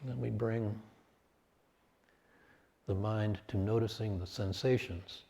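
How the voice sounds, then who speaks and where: A man's low, fry-tinged voice guides a meditation; he speaks calmly in short, measured phrases, with long pauses after each.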